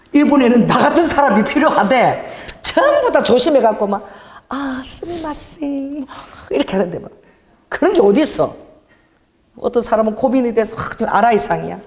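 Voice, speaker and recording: A woman preacher giving a sermon, telling stories in an animated way with bursts of laughter and exclamations. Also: mid-range voice. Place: church hall. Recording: long hall reverb.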